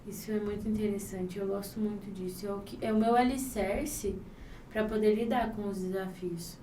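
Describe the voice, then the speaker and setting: A young woman guest speaks earnestly and reflectively on a podcast, at a middle pitch. The room echoes around her, and she sits somewhat away from the microphone, with faint noise behind. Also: fairly even intonation, moderate pace, warm tone, recorded from a distance. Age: 20s. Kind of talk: casual podcast chat.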